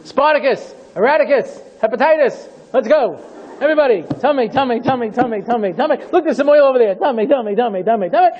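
Goofy male Greek soldiers chant in a mocking, high sing-song, as a lecturer puts them on. The voice swings wildly up and down and has a husky edge. It sounds dull and lo-fi. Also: lively intonation, fast talker, a little mellow. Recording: dull lo-fi recording.

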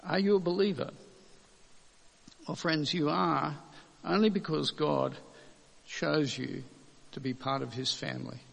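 A man preaching a sermon in a conversational way, asking rhetorical questions and slowing down to stress key words. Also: mid-range voice, gravelly, fairly bright tone, slightly rough, big-room sound.

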